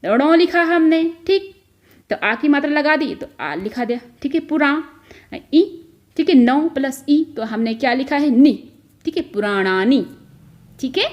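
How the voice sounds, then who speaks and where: A woman's voice: high-pitched, expressive, measured pace, dull audio. Woman teacher explaining a textbook lesson. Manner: explains step by step, repeats "ठीक है" often, mixes in English words.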